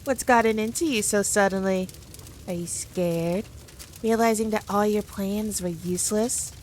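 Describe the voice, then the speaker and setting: A woman acts a haughty demon queen in an ASMR roleplay, addressing the listener with smug, dominant, playfully condescending taunts in a mocking, playful mood. Her mid-pitched voice is unhurried, a little mellow and close to everyday speech, over noticeable background ambience with slight hiss or hum.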